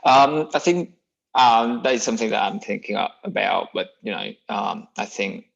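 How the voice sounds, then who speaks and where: A man's voice: on the low side, lively intonation, normal speed, vocal fry, husky, muffled recording. A young man from Vietnam with a Vietnamese accent, an MBA applicant answering questions hesitantly with many fillers. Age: young adult.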